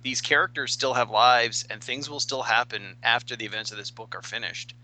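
Bright-voiced male podcast host. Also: medium pitch, steady tone, a little fast, rough recording. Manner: conversational, asks questions, says "like" a lot. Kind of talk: casual podcast interview.

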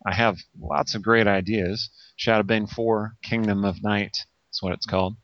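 A novelist guest chats about his books in an easygoing, self-mocking way. He is a man with a fairly low voice, full of ums and small laughs. His sound is dull and lo-fi. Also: fairly even intonation, normal speed, no room sound. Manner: chatty, self-deprecating, lots of ums. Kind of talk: casual podcast chat.

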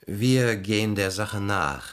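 A concerned visitor who asks a victim earnest questions. His voice is lowish, and faint noise sits underneath. It is a scene from a radio play. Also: expressive, slow pace, a bit bright. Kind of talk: German radio play acting.

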